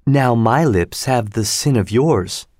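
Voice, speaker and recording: A man voicing Juliet, a young noble girl who speaks in a gentle, playful way in a slow storybook reading. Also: mid-range voice, animated, dry recording, studio quality.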